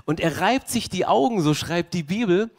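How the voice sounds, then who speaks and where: A young male pastor delivers a sermon in a lively storytelling way, acting out the scene and asking his listeners pointed questions. His voice sits high for a man. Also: moderate pace.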